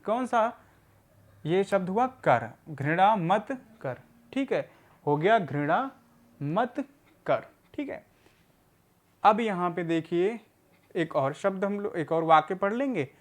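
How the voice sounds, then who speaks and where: A man's voice: high-pitched, expressive, slow pace, long pauses. A man teaching adults to read, spelling out words syllable by syllable, asking questions and answering them himself, and often checking in with his listeners. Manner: often checks in with "theek hai". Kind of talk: slow step-by-step reading lesson.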